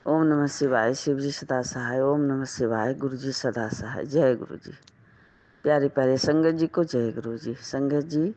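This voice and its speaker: A woman giving a slow, reverent devotional satsang talk. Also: sits low, a little mellow. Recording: dull lo-fi audio.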